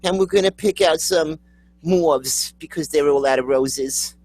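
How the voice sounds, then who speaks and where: A man's voice: on the high side, measured pace, darkish tone, no echo, voice pushed up. A man putting on a brash New York man hurrying his wife along, in a raised nasal voice. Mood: bossy.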